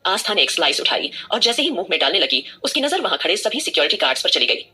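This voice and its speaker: A woman's voice: medium pitch, very animated, fast talker, pushed and bright, husky. A woman narrating a scripted audio drama with dramatic storytelling.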